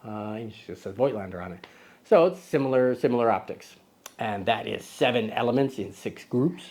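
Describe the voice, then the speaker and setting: A man's voice: medium pitch, animated, normal speed, darkish tone. A man hosting a casual lens review vlog, rambling and correcting himself with joking asides, recorded outdoors. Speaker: host of a camera lens video.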